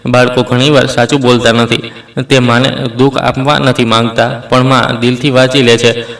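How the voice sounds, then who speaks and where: A man's voice: mid-range voice, level tone, moderate pace, fairly bright tone, lightly acted. A man voicing a hesitant young bride. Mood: subdued. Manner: hesitant, subdued. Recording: roomy, distant mic.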